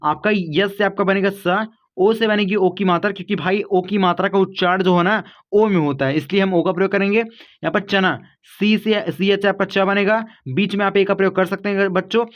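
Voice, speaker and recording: A man's voice: high-pitched, fairly even intonation, normal speed, lo-fi sound. A man teaching an online spelling lesson, explaining patiently step by step and calling his viewers kids and guys.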